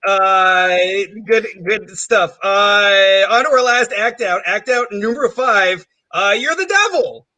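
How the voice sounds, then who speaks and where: A man hosting a comedy game show over a video call, upbeat and quick to move things along. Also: high-pitched, expressive, sharp tone.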